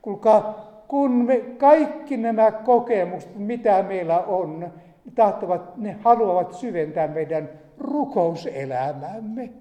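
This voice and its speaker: A man's voice: high voice, mellow. A man preaching a sermon, retelling a Bible story with emphatic rises and asides. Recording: echoey hall reverb.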